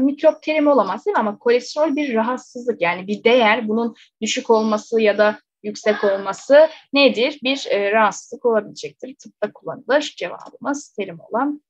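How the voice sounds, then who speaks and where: High-voiced woman teacher solving exam questions. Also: dry recording. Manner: explains step by step, asks rhetorical checking questions. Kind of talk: exam question walkthrough lesson. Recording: slightly dull, dry close recording.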